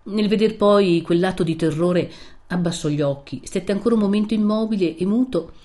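A woman reads a classic novel aloud in a measured, expressive style. Her voice is mellow and relaxed, at a middling pitch. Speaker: audiobook narrator. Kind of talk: literary audiobook reading.

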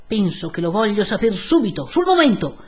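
A woman voicing an angry young peasant man who makes forceful demands. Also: mid-range voice, animated, moderate pace, slightly rough. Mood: demanding, angry. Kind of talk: audiobook character voice.

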